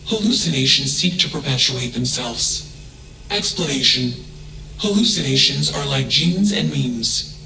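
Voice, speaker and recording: A man voicing a cold, logical male ship AI in a video game, speaking in flat, emotionless, clipped statements. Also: medium pitch, echoey room, slight background noise, low-quality recording.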